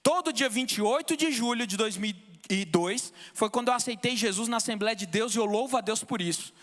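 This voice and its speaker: A man's voice: very high voice, brisk, fairly bright tone, big-room sound. A man in his thirties from Brazil giving an emotional, fervent testimony in church, often calling out to the brothers. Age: 30s.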